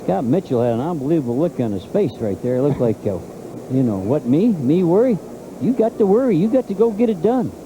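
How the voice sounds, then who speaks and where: A man's voice: fairly high pitch, sing-song, fast. A man giving live football analysis in a conversational, emphatic, repetitive way. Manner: conversational, emphatic, repeats himself. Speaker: color commentator. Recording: noisy stadium broadcast. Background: stadium noise.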